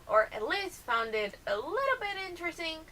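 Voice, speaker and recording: A native Portuguese speaker with a Brazilian accent talks in a very high, very animated voice at normal speed, her tone sharp over slight background noise. She chats casually, reading questions aloud and answering them, with hesitant self-corrections and rambling asides.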